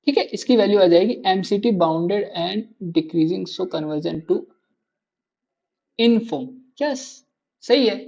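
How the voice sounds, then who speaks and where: A man's voice: sits high, creaky, a little mellow, lo-fi sound. Drilling, quizzing male maths teacher. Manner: quizzes students with constant rhetorical questions; repeats key answers to drill them in. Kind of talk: live online class lecture.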